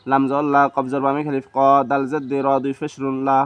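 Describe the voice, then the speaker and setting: A man's voice: medium pitch, monotone, quick pace, clean tone, muffled recording. A man teaching Quran reading, spelling out letters and syllables one by one in a rhythmic, repetitive drill with a Bangladeshi Bengali accent.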